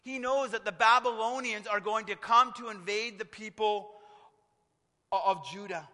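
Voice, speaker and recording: A man's voice: high-pitched, moderate pace, sharp tone. A man preaching a sermon in an earnest manner, often asking the listeners rhetorical tag questions. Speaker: pastor. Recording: long hall reverb.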